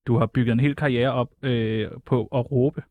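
A man's voice: medium pitch, fairly even intonation, narrow, tinny audio. A man co-hosting a casual interview, asking playful, joking questions.

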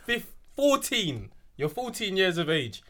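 A man's voice: high voice, very animated, unhurried, sharp tone. A young man with a London urban roadman accent, chatting casually in slang and throwing questions at the group.

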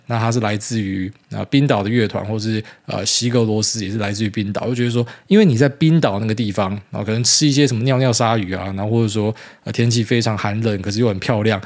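A man's voice: lowish voice, darkish tone. A man in his thirties with a Taiwanese Mandarin accent, hosting a casual solo podcast in a rambling, blunt way with mild swearing. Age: 30s. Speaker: podcast host.

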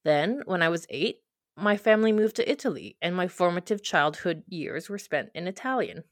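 A young Québécoise whose first language is French reads her own reflective personal story as narrator of a scripted audio piece. Her voice is fairly low-pitched and animated at normal speed, with clean studio sound and no echo.

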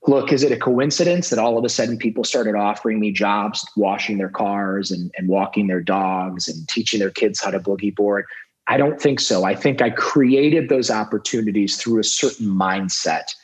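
A man with a fairly low voice speaks as a podcast guest. He tells personal stories candidly and reflectively, with frequent swearing. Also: normal speed, rough recording. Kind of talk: personal storytelling.

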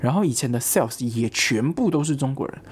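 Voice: mid-range voice, a little fast, slight background noise. A young adult from Taiwan, casually telling a personal story with many fillers. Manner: chatty, many fillers, lively acted-out quotes. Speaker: vlogger.

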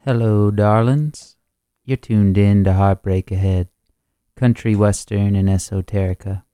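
A man with a low, very mellow, dark voice hosts a music radio show in a campy, theatrical drag-queen manner. He takes his time over the words, and the sound is close and dry. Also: steady tone, a little slow, dry recording.

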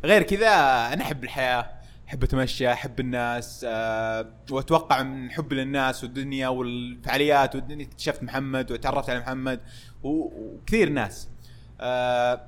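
A young man, a podcast guest in casual chat, speaking loudly with lots of laughter. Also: medium pitch. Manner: loud, lively, laughs often.

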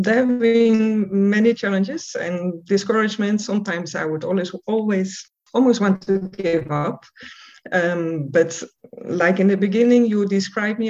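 A woman guest author, not a native English speaker, answers interview questions earnestly in English, dropping in lots of hesitant ums. Her voice is fairly low and darkish, and the audio is dull and lo-fi.

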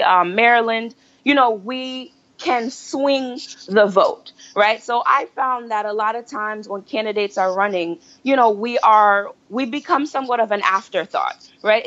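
A woman's voice: on the high side, fairly bright tone. Woman from new jersey on a podcast, explains stuff, keeps saying right?, kinda muffled audio. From United States (New Jersey). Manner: explanatory, often checks in with "right?". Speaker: podcast guest, political organizer. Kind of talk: casual conversation.

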